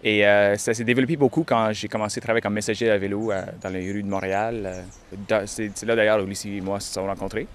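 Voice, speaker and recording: A young man, answering interview questions in a halting way, often repeating words. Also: on the low side, flat delivery, slight background noise. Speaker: touring cyclist interviewee.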